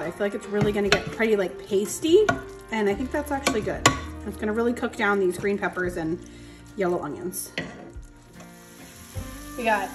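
A woman in her thirties from New Hampshire, chatting casually to viewers as she cooks at home. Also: medium pitch. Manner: chatty, upbeat, talks to viewers while cooking. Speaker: cooking channel host. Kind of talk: casual cooking vlog narration. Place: home kitchen. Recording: roomy kitchen with background music.

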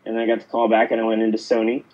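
A man's voice: fairly low pitch, completely flat delivery, very fast, darkish tone, dull audio. A man from Pittsburgh, an actor, telling stories in a casual interview, rambling with lots of fillers and restarts. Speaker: actor guest.

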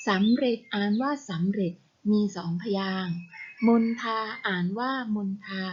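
Female primary teacher, breathy voice, slow careful word-by-word reading, dull lo-fi recording. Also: mid-range voice. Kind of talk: recorded Thai lesson for young pupils.

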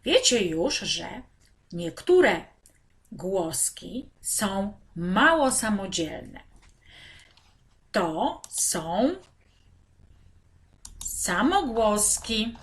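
A woman teacher walks young children through a reading lesson, pronouncing syllables slowly and with great care. Her pitch is mid-range and moves a lot, rising and falling to hold their attention. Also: big pitch swings. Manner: slow, clearly articulated, speaking to children. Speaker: primary school teacher.

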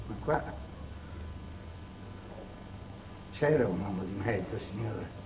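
A man's voice: lowish voice, lively intonation, moderate pace, background noise, natural voice. A man playing a bitter, wronged clerk on stage. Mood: grim. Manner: theatrical, swings from hushed bitterness to shouting. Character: proud wronged middle-aged male clerk Ciampa, bitter and cunning. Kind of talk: stage acting. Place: theatre stage. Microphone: distant room mic. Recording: distant echoey stage recording.

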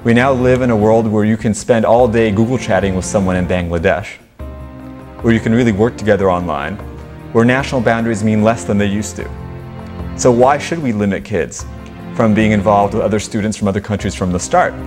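A man's voice: on the low side, fairly even intonation, a little fast, music in the background. A man speaking fluently and persuasively in an interview as the founder of a competition. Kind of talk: interview remarks.

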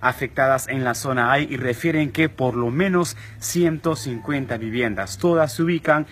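A man in his thirties from Peru reporting live for a news broadcast outdoors on a dusty hillside with a handheld mic, in a formal, steady delivery. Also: mid-range voice, normal speed. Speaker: field reporter. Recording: outdoor ambience noise.

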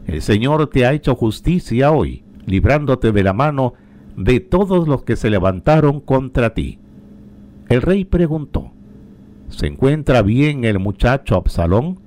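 A man reading scripture aloud in a slow, solemn way, lifting his voice for the quoted cries. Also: mid-range voice, big pitch swings, darkish tone. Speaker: liturgical reader.

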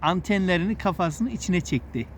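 This vlog host guides children through nature in the woods, explaining things instructively and repeating herself often. She speaks fairly quickly in a lowish voice with lively intonation, and a little hiss or hum sits in the recording.

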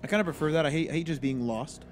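Very fast-talking gamer man. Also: on the high side, faint music behind. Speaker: watching co-commentator. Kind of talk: casual let's-play chat.

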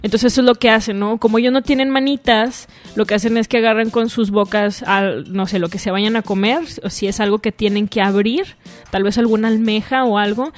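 Mexican woman, radio host, casual slangy chatter, swears freely, somewhat high voice, faint music underneath. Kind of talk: casual solo radio talk. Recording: music playing faintly behind.

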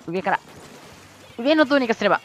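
A man giving live commentary over his own gameplay, excitable, yelling at tense moments and adding self-mocking asides. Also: extremely high pitch, fast, faint music behind.

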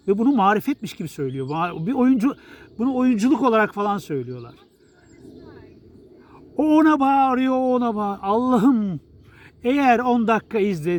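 A middle-aged Turkish journalist and writer addresses his viewers directly, his voice sitting high. His monologue is blunt, exasperated and rambling, with frequent restarts.

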